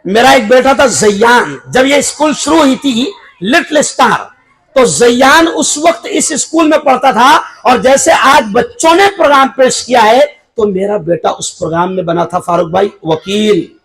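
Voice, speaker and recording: A middle-aged man with an Indian Urdu accent, a cleric giving a lively parenting sermon at a school function. He speaks with emphasis, prods the crowd with rhetorical questions and sometimes raises his voice to near shouting. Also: very high-pitched, creaky, low-quality recording. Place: school event hall before an audience.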